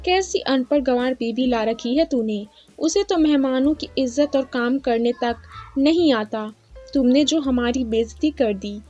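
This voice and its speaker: A woman voicing a rude, mocking group of male drinking friends, over a slightly dull recording with soft music. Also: sits high, measured pace. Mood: annoyed. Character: drunk angry husband's male friends, rude.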